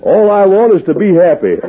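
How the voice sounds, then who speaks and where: A bold masked Western hero. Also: male voice, a little high, a little hiss or hum. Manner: mocking, laughing heartily at an outlaw. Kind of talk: 1940s radio acting. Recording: tinny old radio broadcast.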